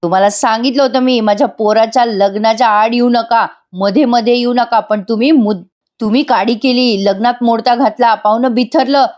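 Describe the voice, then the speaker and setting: A woman's voice: fairly high pitch, fairly even intonation, normal speed, close to an everyday voice. A woman voicing an angry, grieving old village father in a spoken serial recap. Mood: furious. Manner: shouting threats, then pleading.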